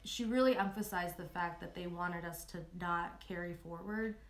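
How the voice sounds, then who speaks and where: A woman's voice: on the low side, steady tone, moderate pace. A young woman from Michigan talking casually as an interview guest, with frequent "like" and "you know" and easy laughter. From Southeast Michigan, USA. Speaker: guest, anti-racism educator. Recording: echoey room with faint noise.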